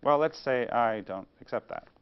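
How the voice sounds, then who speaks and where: A man's voice: medium pitch, lively intonation, normal speed, clean tone, highs cut off. A man giving a university lecture on engineering, posing questions and answering them himself. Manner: rhetorical, poses questions then answers them.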